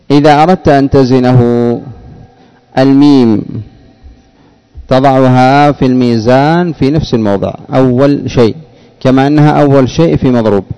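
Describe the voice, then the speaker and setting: A man teaching a classroom grammar lesson, speaking slowly, repeating words and quizzing his students. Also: mid-range voice, warm tone, clean tone, lo-fi sound.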